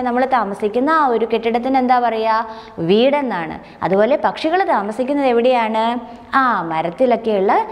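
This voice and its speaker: A woman kindergarten teacher teaching a nursery rhyme to small children, coaxing them along with question after question and calling herself "miss". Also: high-pitched. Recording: long reverb, hall-like.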